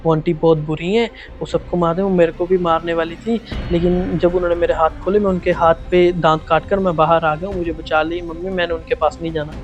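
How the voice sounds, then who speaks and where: A man's voice: fairly high pitch, flat delivery, brisk, hardly any pauses, dull audio, soft background music, close to an everyday voice. A man voicing a frightened, tearful little boy telling his mother what happened, in a pleading, trembling way.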